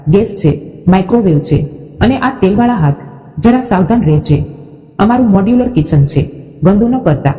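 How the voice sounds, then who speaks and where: A woman's voice: medium pitch, expressive, normal speed, long pauses, mellow, lightly acted. A woman reading the lines of a mocking young sister-in-law in a storybook tale, with a long reverb on the voice. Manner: mocking, sneering.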